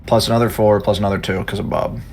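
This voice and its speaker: A man playing in a tabletop game, chatty and fumbling his sums out loud. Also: fairly low pitch, level tone, fast talker, slight background noise. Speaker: player. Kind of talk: casual tabletop play.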